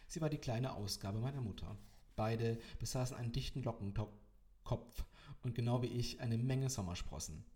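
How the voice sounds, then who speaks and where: A man's voice: medium pitch, moderate pace, warm tone. A man in his twenties narrating an audiobook in the first person, with dry, wry delivery. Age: 20s.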